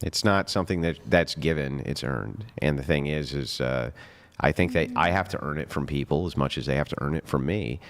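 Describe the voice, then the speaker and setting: Man, very deep voice, emphatic lecturing debater, swears freely. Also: brisk. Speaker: debate guest. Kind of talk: heated debate chat.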